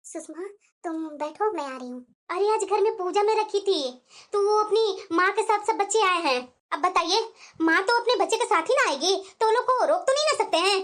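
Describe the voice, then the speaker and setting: Woman with a very high voice carrying a cartoon family story, voicing both women, expressive. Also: normal speed. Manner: expressive, switching between two figures. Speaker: voice actor voicing mother-in-law and daughter-in-law.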